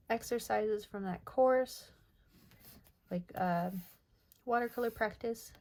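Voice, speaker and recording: Young woman, casual voice-over, medium pitch, soft, rambling, hesitant fillers. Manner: soft, rambling, many ums and self-corrections. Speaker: artist showing her sketchbook.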